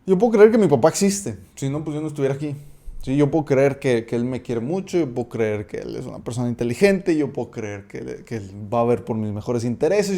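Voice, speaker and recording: Man, Mexican accent, casual Bible teaching, warm dark tone, middle pitch, conversational, checks in often, restarts sentences. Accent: Mexican Spanish. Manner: conversational, checks in with frequent tag questions; halting, with repeated restarts. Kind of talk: casual Bible study talk.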